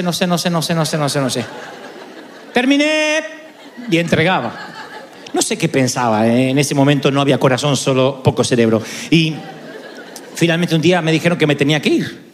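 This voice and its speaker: A man preaching with an Argentine accent, telling a funny personal story and playfully acting out the voices in it. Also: a little high. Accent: Argentine Spanish. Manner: playful, acts out voices in anecdotes. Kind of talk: humorous storytelling sermon.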